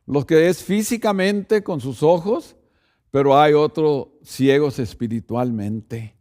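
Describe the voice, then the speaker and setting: Pastor preaching in a higher voice. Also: male voice, takes it slowly, darkish tone. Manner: preaches with rhetorical asides like "¿verdad?"; speaks directly to the congregation. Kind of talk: sermon.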